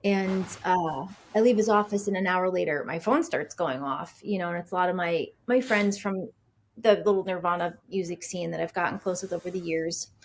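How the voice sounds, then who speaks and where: A middle-aged woman, an author being interviewed on a podcast, telling a story in a chatty, animated way and acting out what people said. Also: fairly low pitch, moderate pace. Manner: chatty, animated storyteller who acts out quoted dialogue; frequent fillers and restarts.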